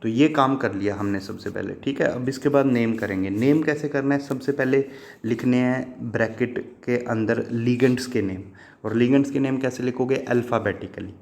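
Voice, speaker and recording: A man's voice: mid-range voice, moderate pace, vocal fry, darkish tone. A man teaching chemistry in a patient, repetitive way, asking questions and answering them himself and addressing his students fondly as children. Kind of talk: classroom lesson explanation.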